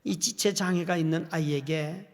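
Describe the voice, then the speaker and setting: A middle-aged man preaching a sermon as pastor, telling a story with feeling, dropping to hushed whispers and rising to loud exhortation. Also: a little high, moderate pace. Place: church sanctuary. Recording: long hall reverb in a church.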